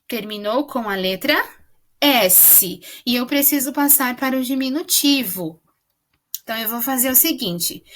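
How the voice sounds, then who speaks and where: A woman's voice: on the high side, a bit bright. Patient woman teaching spelling. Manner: patient, explaining, checks understanding with tag questions; slows down to spell out words. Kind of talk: classroom spelling lesson for children.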